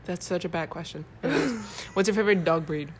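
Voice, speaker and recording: A teenage girl from Honduras hosting a casual podcast chat, giggling often and tossing in quick asides. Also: on the low side, expressive, a little hiss or hum. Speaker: podcast host.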